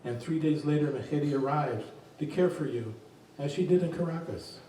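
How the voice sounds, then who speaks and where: A man's voice: a little high, warm tone, slight background noise. Man reading poems in an echoey room. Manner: slow, measured reading voice. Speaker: poet reading his work. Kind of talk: poetry reading. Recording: very echoey room, distant mic.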